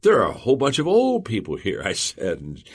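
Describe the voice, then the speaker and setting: A man reading a motivational audiobook in the first person, earnest and measured. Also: lowish voice, huge pitch swings, husky. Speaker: audiobook narrator. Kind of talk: scripted audiobook narration.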